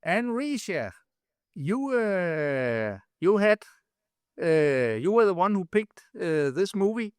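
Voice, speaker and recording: A man from Denmark hosting a film podcast, opening the show in a relaxed way and making dry little jokes. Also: sits high, slow pace, smooth, dry recording. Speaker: podcast host.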